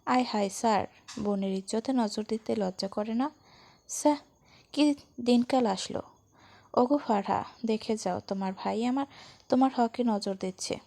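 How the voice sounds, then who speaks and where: A woman voicing a cheeky young man who mocks and teases his friend in a playful, gravelly voice. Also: high voice, moderate pace, pauses often, a little mellow, dry recording. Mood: mock outrage. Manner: mocking, playful, teasing. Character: cheeky, teasing young man, brother-in-law.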